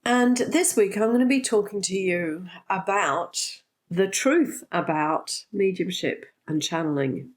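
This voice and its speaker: A middle-aged woman, a spiritual teacher and vlogger, chats casually to camera in a relaxed, candid way, pausing on frequent ums. A recent cold leaves her voice stuffy and congested, and her pitch sits in an ordinary middle range.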